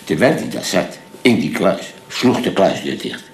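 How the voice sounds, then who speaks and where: An excitable, fussy sitcom busybody. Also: male voice, low voice, measured pace, roomy sound. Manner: excitable, swings from hushed to loud. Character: fussy, long-winded man named Faber. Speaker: sitcom character. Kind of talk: sitcom acting.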